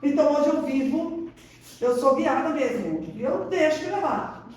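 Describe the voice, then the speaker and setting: Speaking a little slowly in a high voice, this woman appears as a podcast guest sharing her faith story casually, playing out each quoted line of dialogue with lively storytelling. The mic is placed at a distance in a room with plenty of echo.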